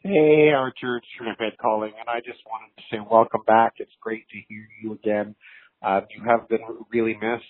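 A man's voice: lowish voice, fairly even intonation, normal speed, slightly rough. A man leaving a chatty, upbeat voicemail, played back from a phone message. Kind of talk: casual friendly message. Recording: tinny phone-line voicemail.

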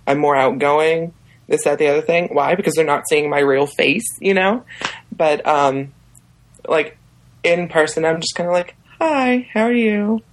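A man's voice: on the high side, fairly even intonation, normal speed. A man talking casually and informally as a guest on a podcast. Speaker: podcast guest, drag performer. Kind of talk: casual chat.

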